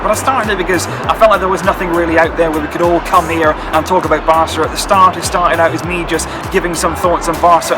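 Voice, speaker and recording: A young man from Wales hosts his football channel outdoors at a stadium. He talks quickly and eagerly in a slightly high voice and keeps reaching for big superlatives. Upbeat music plays loudly behind him. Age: 20s. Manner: eager, earnest, heaps on superlatives. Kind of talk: enthusiastic vlog talk to camera. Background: background music.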